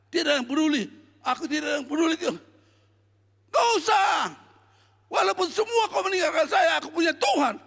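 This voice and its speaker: An older man preaching a sermon as pastor, emphatic and exhorting, often shouting his points. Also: very high voice, creaky. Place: church hall. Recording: long reverb of a hall.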